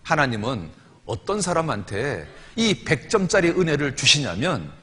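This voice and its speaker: A man preaches in a sermon, his pitch swinging widely as he leans on repeated words. His voice sits a little high and slightly husky. Long reverb from the church hall trails his lines. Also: normal speed. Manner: storytelling preacher, lively emphatic repetition. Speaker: pastor.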